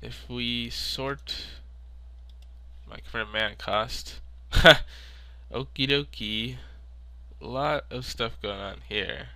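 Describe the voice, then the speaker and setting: A man's voice: medium pitch, extremely slow, sharp tone, no echo. A man with a sick, stuffy, nasal voice, thinking aloud in casual card-game commentary. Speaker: video maker.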